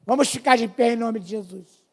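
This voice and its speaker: A man's voice: extremely high pitch, fairly quick. A man in his fifties with a Brazilian Portuguese accent, preaching a fervent testimony to a congregation. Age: 50s. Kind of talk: sermon testimony.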